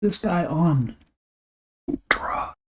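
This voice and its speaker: Deadpan monotone man streaming. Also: on the high side, drawn-out words, a little hiss or hum, poor audio. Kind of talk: casual livestream chat while drawing.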